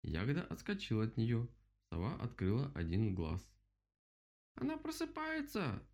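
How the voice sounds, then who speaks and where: A man reading a children's story aloud in an expressive, playful way. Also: on the low side, normal speed. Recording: dull lo-fi recording.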